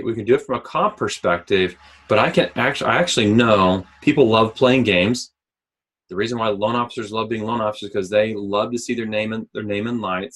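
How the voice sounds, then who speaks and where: A man with a fairly low voice coaches a sales team through a presentation on recruiting. He keeps asking the listeners questions and clears his throat now and then. He is close to the mic, as on a call. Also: a bit bright. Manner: coaching, asks the audience questions. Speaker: mortgage recruiting trainer. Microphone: close mic, remote call.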